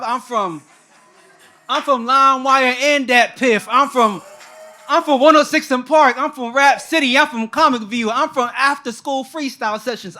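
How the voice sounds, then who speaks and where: A young man with a notably high, bright voice performs spoken word at a live venue. He hypes the crowd with call-outs, then settles into a rhythmic poem built on a repeated line. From Texas.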